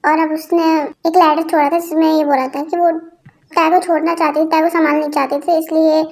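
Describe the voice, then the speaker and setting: A man's voice: very high voice, little pitch movement, a little fast, darkish tone. A woman voicing a blunt adult male friend who delivers news matter-of-factly, in a read-aloud fan story.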